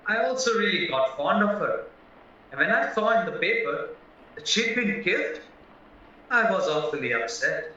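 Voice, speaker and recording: This heavily acted performance has a man's high voice swinging widely in pitch with a sharp tone at normal speed, as he portrays a polite, naive young husband under suspicion. Candid and chatty, he earnestly accounts for himself in stage-style audio play acting, with slight background noise. The sound is very echoey, far off, and muffled, with music playing underneath.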